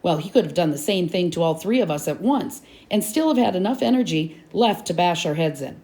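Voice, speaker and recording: A woman's voice: fairly low pitch, lively intonation, fairly quick, a little mellow. A woman voicing a nervous fifth-grade boy in a read-aloud storybook, talking in an anxious, exaggerated way. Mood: emphatic.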